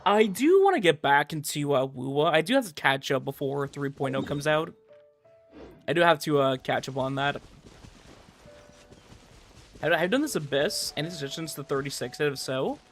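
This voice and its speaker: Over game music, a man with a fairly high, animated voice hosts a relaxed gaming livestream. He answers chat conversationally, a little haltingly, often repeating words.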